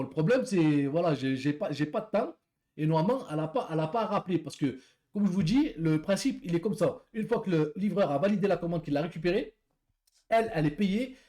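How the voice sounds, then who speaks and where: A man's voice: fairly high pitch, dark tone. A man who works as a delivery rider, telling a story in a casual, rambling way, repeating words and talking to viewers as friends.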